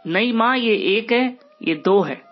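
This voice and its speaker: A man voicing a boastful, educated young son in a told story, with a husky voice and a dull lo-fi recording with faint music behind. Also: high voice, expressive, takes it slowly, pitched above the performer's own voice, full character voice.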